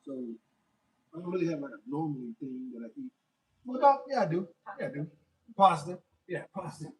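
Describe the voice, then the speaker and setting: A young adult man chats loosely on a fitness livestream, reading out viewer comments and answering each one. His voice sits a touch high for a man. He is some distance from the mic, so it sounds a little distant. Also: expressive, brisk. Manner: reads out viewer comments and answers them chattily. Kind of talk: casual livestream chat.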